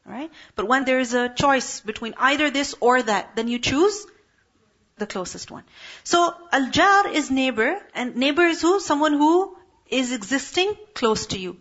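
A woman's voice: high voice, expressive, moderate pace, a bit bright, lo-fi sound. A woman teaching a Quran lesson to a class, asking questions and answering them herself.

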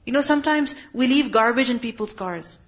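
A woman's voice: fairly high pitch, animated, brisk, muffled recording. A woman giving an earnest religious lesson, often asking her listeners questions. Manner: earnest, asks the audience questions. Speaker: Islamic teacher. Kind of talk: Quran lesson talk.

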